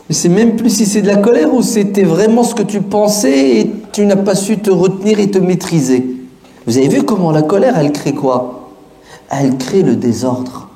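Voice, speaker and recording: A man giving a lively, colloquial sermon to an audience, throwing out rhetorical questions. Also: high-pitched. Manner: lively, street-casual, many rhetorical questions. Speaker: preacher. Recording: roomy, echoey room.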